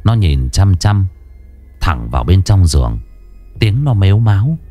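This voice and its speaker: Male horror audiobook narrator, very low, lively intonation, faint music underneath. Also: unhurried. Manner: dramatic, vivid storytelling.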